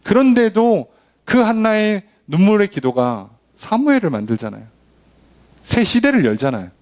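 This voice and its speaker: A man's voice: big pitch swings, moderate pace, darkish tone. A man preaching a sermon as a pastor, asking rhetorical questions and acting out quoted voices. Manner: acts out quoted voices, shifting pitch often. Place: church.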